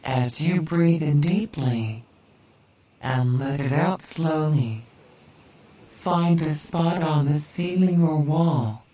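A woman leading a guided relaxation hypnosis in a soothing, deliberate manner with long pauses. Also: deep voice, dark tone, highs cut off. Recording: roomy, distant, hissy background noise.

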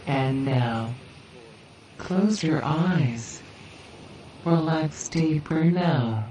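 A woman leading a guided relaxation hypnosis in a soothing, deliberate manner with long pauses. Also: low-pitched, animated, dark tone. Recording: roomy, distant, hissy background noise.

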